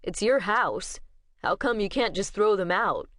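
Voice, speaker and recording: A woman's voice: medium pitch, animated, measured pace, a bit bright, no room sound, clean studio sound. A woman doing a brash young man. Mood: blunt. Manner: blunt, challenging.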